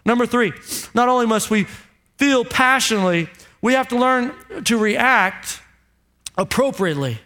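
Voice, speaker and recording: A male preacher with a very high-pitched voice and a bright, forceful edge. He delivers a booming motivational sermon, hammering short repeated phrases and firing rhetorical questions at his listeners. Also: expressive, normal speed.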